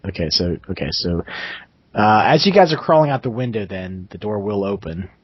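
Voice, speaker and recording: Husky-voiced man running a tabletop game. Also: fairly low pitch, lively intonation, dry recording. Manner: halting narration with many fillers, laughs easily. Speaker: game master. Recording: dull lo-fi dry sound.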